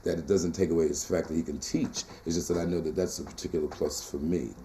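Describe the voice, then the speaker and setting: A middle-aged poet and teacher with a tenor-baritone voice speaks quickly in a casual interview, animated and emphatic, leaning on rhythmic repeated phrases. A crowd can be heard behind him.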